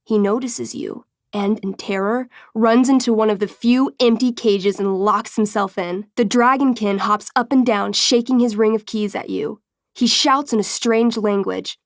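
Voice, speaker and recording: An actress voices an eager young woman acting as game master in a video game, her medium-pitched, natural voice moving at a measured pace. She shifts between theatrical storytelling and casual, wry asides, narrating with a dry edge in dramatic tabletop style. The studio-quality recording has no room sound.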